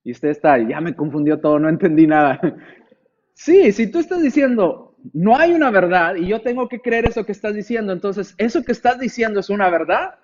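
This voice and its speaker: A man's voice: high voice, animated, normal speed, highs cut off. A man preaching a conversational sermon, asking rhetorical questions and acting out imagined replies from listeners.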